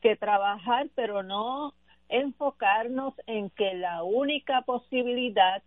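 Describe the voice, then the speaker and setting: A woman, a radio panelist speaking in a measured, deliberate way. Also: on the high side, dry recording. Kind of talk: radio talk-show debate. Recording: narrow phone-like radio sound.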